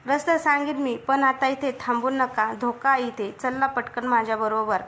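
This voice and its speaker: A woman playing a calm commanding young man. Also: sits high, moderate pace, slight background noise. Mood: firm. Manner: firm, urgent.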